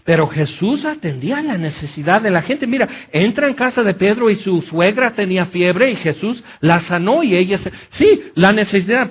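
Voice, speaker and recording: A man delivers a conversational sermon in a high-pitched voice. He talks animatedly, acts out the Bible scenes and keeps checking in with his listeners as he goes. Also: a bit bright. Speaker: preacher.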